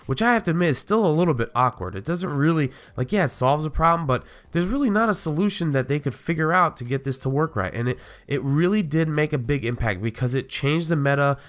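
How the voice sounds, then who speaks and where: A man's voice: on the high side, lively intonation, quick pace, hardly any pauses, fairly bright tone. A man with a cold and a nasal voice, hosting a gaming video in casual, rambling commentary. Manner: conversational, rambling with small asides.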